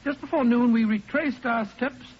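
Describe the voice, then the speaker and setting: An actor playing a genial, chatty older English doctor and storyteller in 1940s radio style. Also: male voice, very high-pitched, moderate pace, slightly rough. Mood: storytelling. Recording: muffled, hissy 1940s radio recording.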